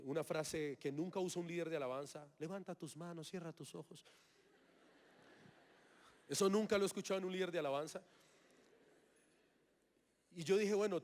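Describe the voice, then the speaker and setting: A man's voice: on the high side, darkish tone. A man, giving a sermon testimony and acting out his own past reactions as he tells the story. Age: 30s. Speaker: preacher.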